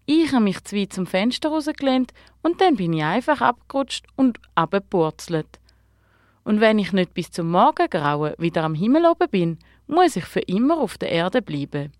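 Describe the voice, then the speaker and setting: A woman voicing a kindly, clumsy male guardian star who has fallen to earth, speaking gently and explaining patiently in a storybook tale. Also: mid-range voice, sing-song, moderate pace, no room sound, studio quality, close to an everyday voice. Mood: sobbing.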